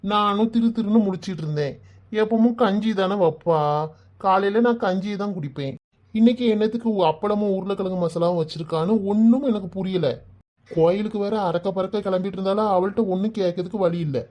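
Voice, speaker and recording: A woman voicing a caring village father in an animated cartoon, soothing and fatherly. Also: medium pitch, a little fast, close to an everyday voice. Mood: comic. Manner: soothing, fatherly advice and comic storytelling. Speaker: father figure. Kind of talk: Tamil cartoon voice acting.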